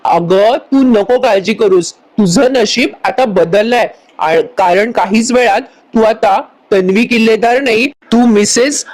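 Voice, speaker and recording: A calm, reassuring young groom, read by a woman narrator in a voice-over serial recap. Slow, steady lines in her own voice. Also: a little high, low-quality recording.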